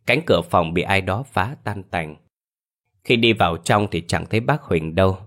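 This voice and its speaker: A man reads a scripted horror story at a steady, measured pace. His voice sits very low, giving the tale a grave weight.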